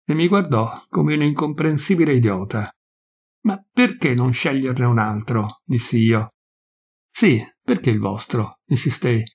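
Gravelly man reading a story aloud. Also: mid-range voice, expressive, a little mellow. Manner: measured storytelling, voicing dialogue lightly. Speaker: reader. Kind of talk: literary reading.

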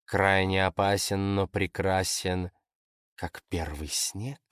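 A man's voice: mid-range voice, lively intonation, measured pace, no room sound, clean studio sound, natural voice. A man voicing a sly, imperious female fox spirit who speaks mockingly in a storybook reading. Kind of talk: audiobook character voice.

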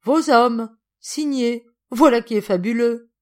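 A woman voicing a haughty alien lady official who speaks in a shrill, commanding way, for an audiobook. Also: lively intonation, a little slow, darkish tone. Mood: mocking.

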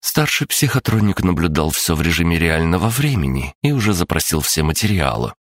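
A man narrating an audiobook in a measured, even first-person telling. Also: sits low, dry recording, clean studio sound.

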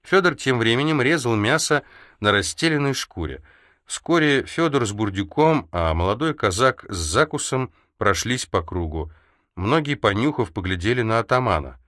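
A man reading a historical tale aloud in a measured storytelling manner. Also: mid-range voice, expressive, fairly bright tone, no room sound, studio quality. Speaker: narrator. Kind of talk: audiobook reading.

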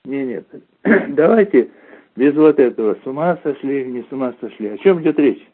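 A man's voice: mid-range voice, lively intonation, moderate pace, breathy edge. A man answering a phone call, formal and puzzled, asking question after question, heard over a tinny phone line. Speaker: call recipient. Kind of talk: phone conversation.

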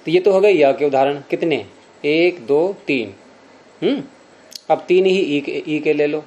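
Soft-toned man teaching Sanskrit grammar. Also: fairly high pitch, highs cut off. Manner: patient, questioning students, slows to spell out examples. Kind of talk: classroom explanation of a text.

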